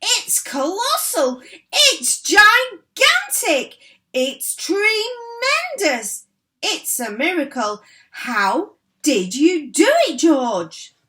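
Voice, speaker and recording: A woman doing a jumpy, excitable little farmer. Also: high voice, takes it slowly, pitched above the performer's own voice, full character voice. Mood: ecstatic. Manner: excited exclaiming, shouting. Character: small, excitable, easily worked-up farmer father.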